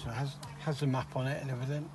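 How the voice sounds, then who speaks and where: A man's voice: mid-range voice, steady tone, racing, background noise. A man showing off his campervan, explaining its gadgets plainly and matter-of-factly. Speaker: van owner giving a tour. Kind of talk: casual show-and-tell. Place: inside a campervan. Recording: background music.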